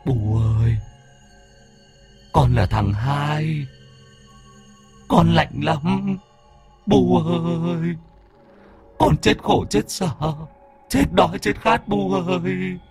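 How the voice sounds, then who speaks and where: A man voicing the cold, eerie ghost of a dead young man, speaking in a hollow, drawn-out, whispery way. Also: a little high, husky, soft background music, voice pushed up, full character voice. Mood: mournful.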